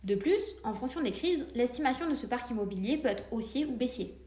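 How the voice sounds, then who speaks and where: A woman's voice: fairly high pitch, animated, brisk, mellow, echoey room. A woman hosting a solo podcast, explaining investments step by step and speaking directly to the listener in a friendly way. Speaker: podcast host.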